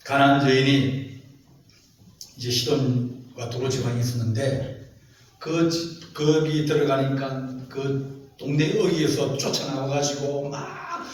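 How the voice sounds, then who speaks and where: A man's voice: medium pitch, steady tone, takes it slowly. A man preaching a sermon as pastor, emphatic and often putting questions to the congregation. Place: church sanctuary. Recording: echoey church heard from a distance.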